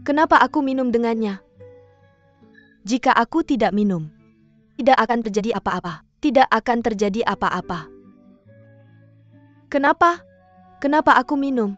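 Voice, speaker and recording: A woman's voice: on the high side, expressive, normal speed, long pauses, close to an everyday voice. A woman dubbing a shaken young woman who gives short, broken replies and hides what happened to her. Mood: distraught. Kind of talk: drama dub. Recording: dull dry studio dub, faint music.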